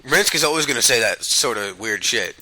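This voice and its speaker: A man's voice: mid-range voice, expressive, a little fast, bright, forceful tone, low-quality recording. A man hosting a let's play, giving casual gaming commentary and swearing freely on a close mic.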